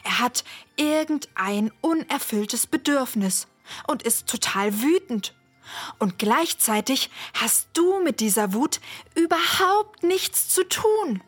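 A woman's voice: sits high, expressive, slow, husky, faint music behind, exaggerated voice. A woman voicing a caring, curious heroine who reassures and thinks aloud in a children's audio drama.

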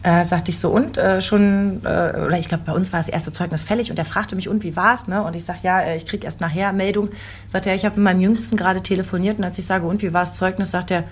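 A woman in her thirties with a husky, somewhat low voice talks in a relaxed chat. She tells everyday stories with animated quoted lines. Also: quick pace. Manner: lively storytelling, acts out quotes. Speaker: podcast co-host, mother. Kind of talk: casual chat.

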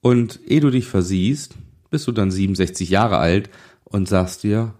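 A man in his forties, a financial advisor and podcast host, delivers a motivational monologue straight to the listener. His voice is on the low side and dark, at a normal speed. He exhorts insistently and leans on rhetorical questions.

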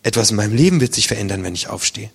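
A man's voice: on the low side, lively intonation, racing, gravelly, husky. A man preaching a sermon as pastor, in a colloquial, vivid way that acts out the voices he quotes. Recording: long reverb of a large hall.

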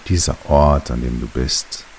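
A man narrating a guided relaxation sleep story in a calm, soothing way, with long pauses between short phrases. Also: rumbling low. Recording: steady rain noise behind the voice. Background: rain.

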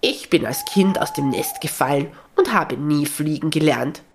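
A storyteller voicing a kind, helpful female crow in a children's audio story, speaking slowly and deliberately. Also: mid-range voice, animated, slight background noise, natural voice.

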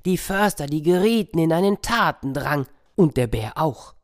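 A man telling a children's story in a lively, playful way, speaking directly to the young listeners. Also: fairly high pitch, normal speed, dry recording, clean studio sound.

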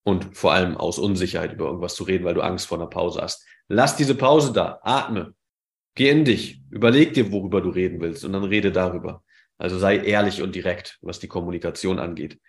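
A man who works as a dating coach gives direct, emphatic advice in a podcast monologue and often adds a quick "ja". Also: low voice. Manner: direct, emphatic, tags sentences with "ja". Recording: roomy echo.

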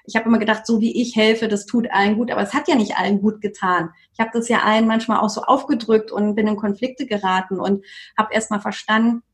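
A female yoga teacher appears as a guest on a podcast in a casual conversational interview. Speaking fast at medium pitch in a steady tone, she is earnest and reflective, with frequent "ähm" fillers and repetitions.

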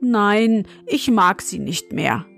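A woman voicing a cheeky, sulky young schoolboy in a storybook reading, raising her voice high and defiant. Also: expressive, slow, vocal fry, a bit bright, faint music behind, heavily acted.

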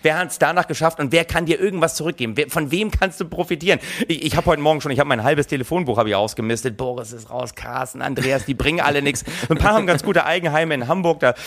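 A man's voice: a little high, fast, few pauses, fairly bright tone. A man co-hosting a comedic podcast, ranting sarcastically in a mock-motivational tone. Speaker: podcast co-host.

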